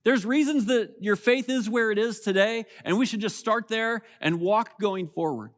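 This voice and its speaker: A man preaching a sermon as pastor, conversational and animated, acting out little quotes from everyday people. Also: high voice, normal speed. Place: church auditorium.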